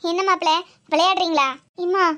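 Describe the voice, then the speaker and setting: Cartoon: woman playing a shrill, bright, indignant greedy mother-in-law with a Tirunelveli accent. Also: fairly even intonation, a little fast. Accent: Tirunelveli Tamil. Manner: scolding, indignant, sharp-tongued. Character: scheming greedy middle-aged mother-in-law. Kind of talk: cartoon comedy voice acting.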